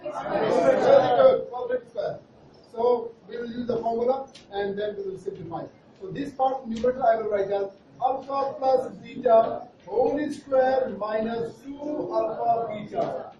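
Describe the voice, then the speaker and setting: In a crowded-sounding classroom, a man speaks slightly slowly in a very high voice, with a crowd audible behind him. He has an Indian accent and teaches maths at the board, teasing students and quizzing them as he goes. The sound is distant from the mic, echoey, noisy and muffled.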